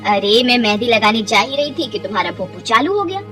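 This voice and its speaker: Sharp-tongued lazy young village wife, sarcastic, woman doing the voice, music behind. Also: a little high, sing-song, brisk. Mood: scolding. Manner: sarcastic, scolding.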